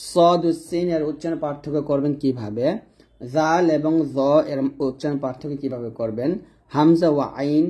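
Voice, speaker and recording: A man teaching Quran pronunciation letter by letter in an online lesson, breaking off now and then to chant examples slowly and checking in with his students. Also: on the high side, warm tone. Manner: checks in with "ঠিক আছে?".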